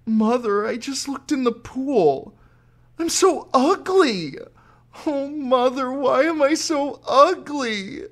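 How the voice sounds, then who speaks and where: A man's voice: expressive, slow, a bit bright, heavily acted. A man putting on a tearful young woman. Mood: distraught. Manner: high sobbing pleas. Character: young woman, tall and tearful, grieving her looks.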